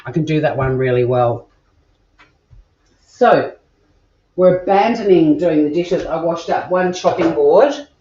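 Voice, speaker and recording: A middle-aged Australian woman cooks live in her home kitchen, playfully chatting over viewer comments and swearing now and then. Her low-pitched, mellow voice is measured with long pauses, and the dull lo-fi home recording carries slight background noise.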